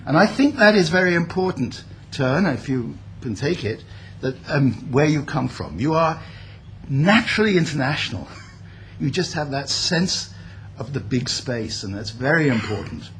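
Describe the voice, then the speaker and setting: An older man who grew up in India gives an unscripted speech at a building opening, reflective and pausing often with fillers. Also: medium pitch, big pitch swings, fairly bright tone, slight background noise. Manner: reflective, speaks off the cuff with many pauses and fillers. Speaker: guest speaker. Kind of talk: formal speech. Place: event hall at a building opening.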